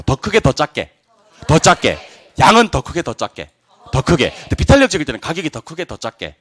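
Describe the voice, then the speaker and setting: A middle-aged man giving a classroom lecture, drilling students with quick questions and answers and joking asides. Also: fairly high pitch, fairly bright tone. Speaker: real estate exam lecturer.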